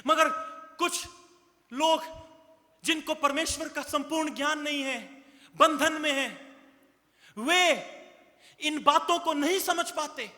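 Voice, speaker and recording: Man preaching, very high bright voice, slow and deliberate delivery, long hall reverb. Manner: call-and-response preaching, asking the congregation to repeat. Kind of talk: sermon.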